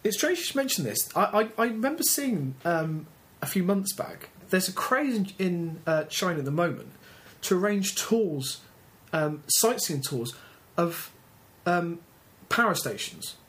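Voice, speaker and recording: Higher-voiced English man, halting casual chat. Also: sing-song, a bit bright. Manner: hesitant, stammering restarts. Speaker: podcast co-host.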